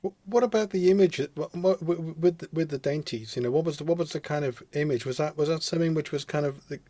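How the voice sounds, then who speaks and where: A man co-interviewing, asking quick stammering questions. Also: fairly high pitch, warm tone, no room sound.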